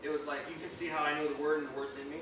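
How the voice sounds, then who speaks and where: A man's voice: fairly high pitch, level tone, very fast. A man, a guest minister, telling a personal testimony in a sermon and building up to emphatic preaching. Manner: storytelling, rising to emphatic preaching. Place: church sanctuary. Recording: echoey hall, distant mic, noisy.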